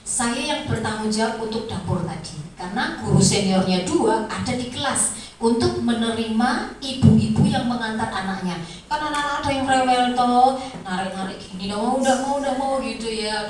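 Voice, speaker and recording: Animated woman lecturing in a hall. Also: on the high side, normal speed, slight background noise. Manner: animated storytelling, acts out voices, laughs often. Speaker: kindergarten teacher giving a talk. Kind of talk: lively lecture to students. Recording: echoey room, voice from far off.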